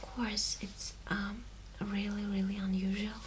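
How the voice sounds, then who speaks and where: Slow, soft-voiced woman in whispered role-play. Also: mid-range voice, level tone. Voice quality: soft, breathy voice, often whispered. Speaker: personal shop assistant in an ASMR role-play. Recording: clear background noise.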